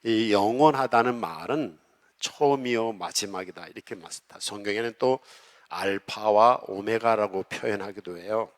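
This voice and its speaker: A man preaching a sermon as pastor, emphatic and rising and falling in loudness as he draws replies from the congregation. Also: fairly low pitch, moderate pace. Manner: emphatic preaching that rises and falls in loudness, coaxing the congregation to respond. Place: church sanctuary. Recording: long hall reverb in a church.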